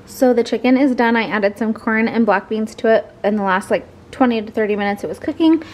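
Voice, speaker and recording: A woman's voice: fairly high pitch, fairly quick, darkish tone, faint music behind. A woman in her forties talks through her cooking in a home kitchen, chatty and easygoing, often stopping to correct herself mid-sentence. She records on a handheld phone as she moves around the counters. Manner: chatty, talks while cooking, many restarts. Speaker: home cook vlogger. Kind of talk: casual cooking vlog narration.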